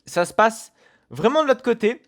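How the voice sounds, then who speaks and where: A man's voice: very high-pitched, big pitch swings, moderate pace, fairly bright tone. A man hosting a let's play, giving casual, rambling commentary full of fillers and restarts.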